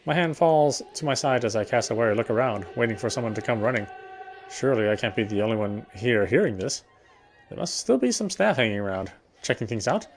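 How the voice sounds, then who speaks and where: This man has a mid-range voice with lively intonation and a fairly quick delivery. As he plays a visual novel, he reads its first-person narration aloud carefully, stumbling on occasion and then fixing his words.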